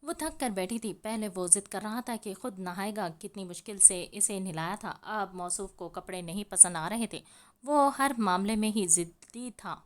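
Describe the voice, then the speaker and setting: A woman narrating a romance novel as an audiobook. Her reading is steady and expressive, carrying the story along evenly. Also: mid-range voice.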